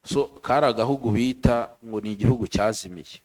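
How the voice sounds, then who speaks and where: A man from Rwanda giving an earnest church testimony, speaking in short phrases and pausing so an interpreter can follow. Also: mid-range voice, darkish tone. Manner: earnest, pauses for interpreter after each phrase.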